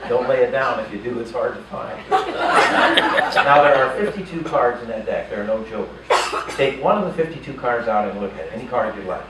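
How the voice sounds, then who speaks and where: An older man doing a magic act in a casino showroom keeps up lighthearted, talkative exchanges with volunteers pulled from the audience. His medium-pitched delivery is animated and brisk, heard through a distant, echoey, noisy live recording.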